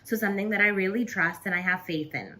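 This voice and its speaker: A woman's voice: medium pitch, fast talker, sharp tone. A woman in her thirties hosting a casual to-camera tutorial, chatting directly to her viewers. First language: English. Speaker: channel host teaching English.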